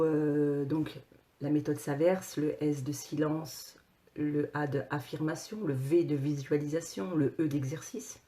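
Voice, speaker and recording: A woman coach talking casually to her viewers, animated, with many repeated words and restarts. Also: deep voice. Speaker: personal coach and author.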